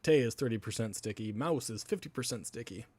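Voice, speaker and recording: A man's voice: medium pitch, fairly quick, darkish tone, breathy edge. A man from Wisconsin with a Wisconsin accent, rambling in casual live-stream chat with viewers, laughing often and swearing casually.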